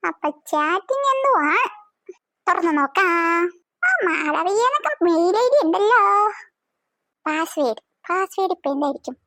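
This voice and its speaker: A scheming little sister from a cartoon, eager and snooping. Her voice is very high and bright, with lively swings of pitch. The sound is close and dry. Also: moderate pace, dry recording, heavily acted. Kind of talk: cartoon voice acting.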